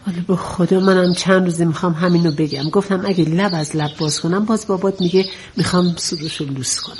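A woman's voice: lowish voice, a little mellow, a little hiss or hum, natural voice. An actress playing a worried, doting middle-aged mother who pleads and fusses over her son. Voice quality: pleading, fussing. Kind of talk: family drama acting.

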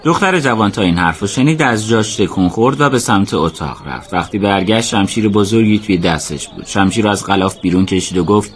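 A man narrating a radio drama in a steady, measured storytelling voice. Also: on the low side.

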